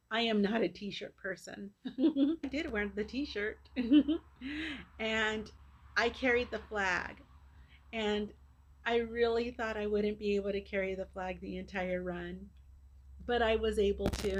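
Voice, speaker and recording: Earnest lady doing a video thank-you to supporters, halting short phrases, mid pitch, noise behind her. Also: low-quality recording. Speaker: charity fundraising runner. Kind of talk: personal video message to supporters. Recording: clear background noise.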